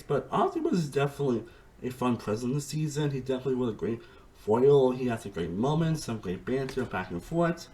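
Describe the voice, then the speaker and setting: A man giving a casual, rambling review monologue, excitable, with frequent restarts and swearing. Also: mid-range voice, poor audio. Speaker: reality TV reviewer.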